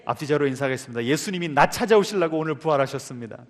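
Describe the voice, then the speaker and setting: Pastor guy preaching sunday sermon, highish voice, keeps quizzing the church, lots of echo. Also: rapid-fire. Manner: lively, keeps asking the congregation questions. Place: church sanctuary. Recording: long reverb of a church hall.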